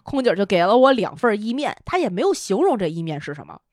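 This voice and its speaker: A woman podcast co-host telling a travel story in casual chat, animated and often laughing as she acts out quotes. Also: medium pitch, fast, no room sound, clean studio sound.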